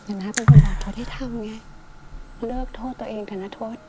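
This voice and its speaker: Actress playing a gentle consoling aunt. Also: female voice, a little high, steady tone, a little fast, crowd noise, lightly acted. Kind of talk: TV drama acting. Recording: drama clip with music.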